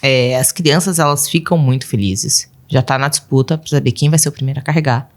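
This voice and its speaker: A woman's voice: very deep voice, fairly even intonation, fairly quick. A woman in her thirties, a podcast guest and mother of twelve, telling casual stories and acting out her children's voices with frequent laughs. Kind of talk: casual storytelling interview.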